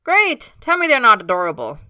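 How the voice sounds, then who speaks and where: A playful young husband, bubbly and always teasing, as a woman reader puts him on. The tone is bright and forward, and the recording is dry with no room sound. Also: high voice, big pitch swings, fairly quick, no echo, voice pushed up, heavily acted.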